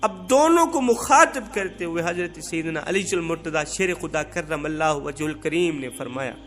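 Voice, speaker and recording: A man's voice: fairly high pitch, lively intonation, fairly bright tone, soft background music. A male preacher telling a moral story in an emotional sermon with repetitive, dramatic phrasing. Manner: repetitive, rising dramatic delivery.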